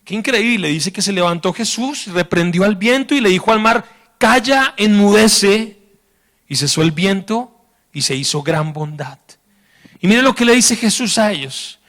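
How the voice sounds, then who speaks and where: A man's voice: sits high, normal speed. A man preaching a sermon in a church, talking in a colloquial way and acting out the stories he tells. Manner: colloquial, animated storytelling with acted quotes.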